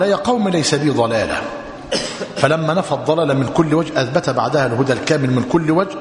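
Man teaching in an echoey hall. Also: on the high side. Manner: measured, explanatory, slows to dictate. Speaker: religious teacher. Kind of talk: explanatory lesson with dictation. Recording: echoey hall with long reverb, faint noise.

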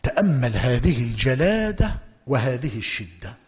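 A man's voice: mid-range voice, very animated, normal speed. A man teaching a religious history lesson, dictating points to students and breaking into emphatic exclamations. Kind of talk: lecturing on prophetic history. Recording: long hall reverb.

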